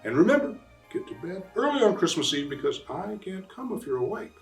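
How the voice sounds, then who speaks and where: A man's voice: high-pitched, big pitch swings, brisk, pitched above the performer's own voice. A man playing jolly old Santa Claus at story time, speaking to children in a friendly way. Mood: jolly, kindly. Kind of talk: storytime greeting. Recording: roomy, distant mic, faint music.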